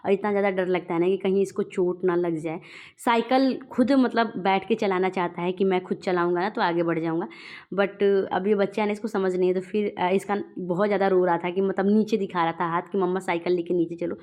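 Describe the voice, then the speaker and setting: A woman's voice: on the low side, steady tone, brisk, a little mellow. Chatty young woman vlogging at home. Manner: chatty, rambling, addresses viewers directly. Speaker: vlogger and mother. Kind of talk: casual home vlog chat. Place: at home indoors.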